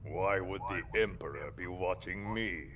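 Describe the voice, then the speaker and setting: Deep-voiced, deferential warrior. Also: male voice, measured pace, fairly bright tone. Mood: puzzled, humble. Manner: respectful, questioning. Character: deferential, puzzled male warrior.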